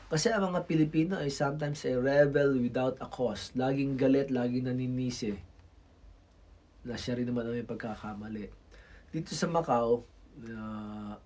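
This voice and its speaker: A man's voice: medium pitch, mellow, husky. A man from the Philippines giving blunt, lecturing travel advice in a casual vlog. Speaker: Filipino worker in Macau giving travel advice.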